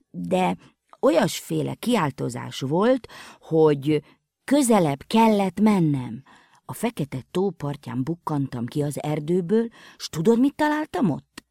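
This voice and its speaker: Lady doing a breathless little girl, highish voice, bouncy delivery, dry close sound. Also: sing-song, gravelly, dark tone, dry recording, full character voice. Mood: eager. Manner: eager, breathless storytelling.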